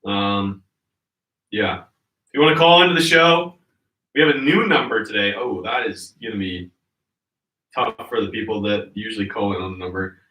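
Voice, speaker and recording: A man's voice: lowish voice, normal speed, long pauses, bright, forceful tone, reverberant, recorded from a distance, rough recording. A man hosting a sports podcast in casual, rambling chat with lots of fillers. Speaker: podcast host.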